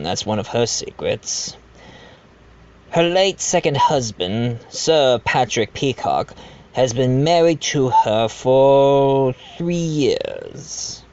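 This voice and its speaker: In a fan audio drama, a man voices a genial widowed doctor who narrates and hosts a mystery dinner party, acting with narration asides. His speech is slow, confiding and somewhat hesitant, with lively pitch swings. The recording sounds a little dull and lo-fi.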